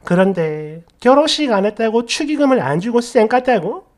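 A woman's voice: on the high side, big pitch swings, moderate pace, darkish tone. Woman reading as a furious swearing commenter. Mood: scolding. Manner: scolding, swearing. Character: furious foul-mouthed female online commenter.

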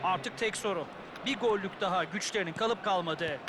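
Football game pundit male actor: high voice, conversational and opinionated color commentary, noisy stadium bed. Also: normal speed, natural voice. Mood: engaged, analytical. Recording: stadium noise behind.

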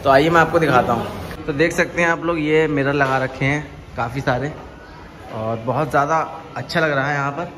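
An upbeat young man with a Bareilly Hindi accent shows his viewers around a restaurant, talking in a slightly high voice. He walks and films himself on a phone held out at arm's length. His narration is chatty and repetitive, the way a casual travel vlog sounds. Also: moderate pace, fairly bright tone. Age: young adult. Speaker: vlogger. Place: restaurant halls and outdoor courtyard at night. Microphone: phone selfie camera at arm's length.

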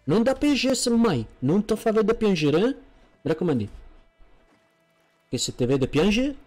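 A jokey, flattering Egyptian man from Cairo, as a male streamer puts him on in a game role-play. His voice sits high and swings widely in pitch. He talks in broken, simplified phrases, repeating words to make his point. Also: a little slow, soft background music, heavily acted. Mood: cheerful. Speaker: streamer role-playing a character.

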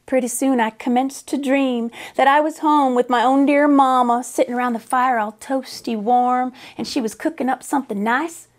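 Like a teacher at story time, a middle-aged American woman narrates a children's storybook into a lapel mic. Her fairly high voice carries a drawling, folksy Western dialect full of expression, delivered in a steady tone at normal speed with few pauses.

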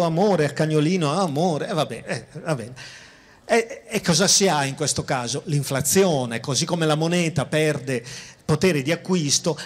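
A man with a fairly high voice lectures to an audience, talking to them directly. He often repeats and restarts his phrases, then slows right down to lean on the words that matter. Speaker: philosopher giving a public talk. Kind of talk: public lecture. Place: outdoor town square.

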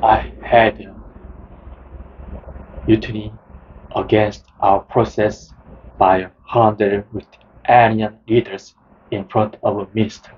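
A man with a low, husky voice reads a nonfiction book aloud in the first person, taking his time over every phrase. The recording is dull and lo-fi, with the top end rolled off. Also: little pitch movement. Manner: slow, measured first-person reading. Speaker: audiobook narrator. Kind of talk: scripted narration. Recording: dull lo-fi sound.

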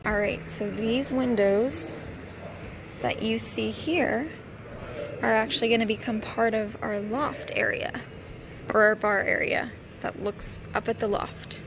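A woman vlogger with a hoarse voice, chatting casually and rambling, with lots of ums and trailing thoughts. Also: fairly high pitch, steady tone, unhurried, noisy background. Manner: chatty and rambling, with frequent fillers. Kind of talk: casual vlog chat.

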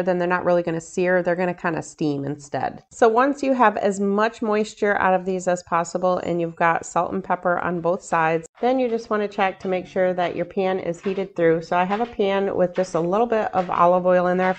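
An older woman in her home kitchen, chatting casually as she walks through each cooking step for her vlog. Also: fairly low pitch. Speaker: cooking vlogger. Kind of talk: casual cook-along narration.

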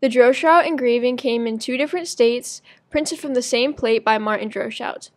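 A woman's voice: on the high side, moderate pace. A woman narrating a school project presentation, reading evenly from a script. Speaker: student presenter.

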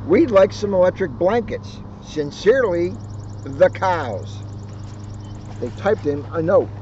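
Outdoors on a grassy lawn, an older policeman performs a children's story with dramatic flair and playful jokes on the side. His voice is high yet mellow and expressive, and he reads slowly. The sound, captured by a camera set a little way off, comes through muffled amid background noise.

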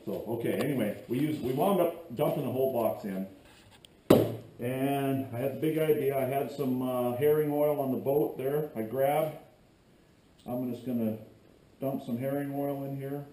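A middle-aged man rambles through a casual how-to vlog, tossing out jokes and asides as he works. His voice is mellow and relaxed. He is picked up by a camera a few steps away in a roomy, echoey garage with a faint hum behind him. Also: medium pitch, normal speed. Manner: joking, rambling, chatty asides while working. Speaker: fishing video host. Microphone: far camera on a tripod.

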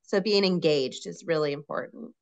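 A woman's voice: sits low, moderate pace, a little mellow, highs cut off. A woman career coach adding practical interview advice during a webinar on a video call.

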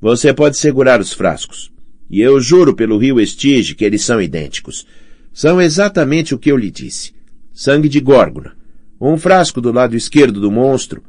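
A man's voice: medium pitch, expressive, normal speed, a little mellow, no room sound, clean studio sound, pitched above the performer's own voice, lightly acted. A man voicing a bold young male demigod in an audiobook, firm and matter-of-fact as he bargains. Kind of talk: audiobook character voice.

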